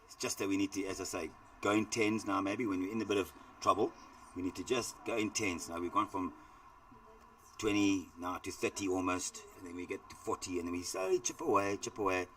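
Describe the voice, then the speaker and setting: A middle-aged South African man with a very low voice commentates live cricket, chatty and rambling with lots of fillers. He talks briskly in a fairly bright tone, sitting a little back from the mic. There's slight background noise.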